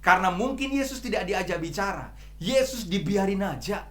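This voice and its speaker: Male pastor preaching, high bright voice, loud then soft pleading, roomy echo. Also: expressive, moderate pace. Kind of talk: sermon. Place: church.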